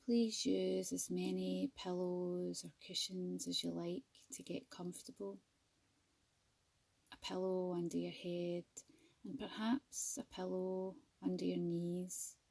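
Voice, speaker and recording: Gentle and soothing, a yoga nidra teacher talks through a guided meditation at a very unhurried pace, pausing deliberately between phrases. Her lowish voice is soft, husky and creaky, with a level tone. The rough recording has no room sound.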